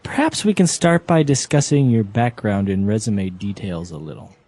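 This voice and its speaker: A man's voice: lowish voice, animated, moderate pace, dark tone. A man playing a courteous, formal office manager. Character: polite formal male office manager interviewer.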